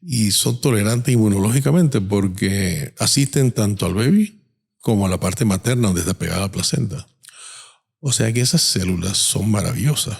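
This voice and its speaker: Invitado médico, hombre, voz grave y áspera, explica con calma. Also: male voice, lowish voice, creaky, breathy edge. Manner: calm explanatory. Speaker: doctor guest. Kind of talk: conversational interview.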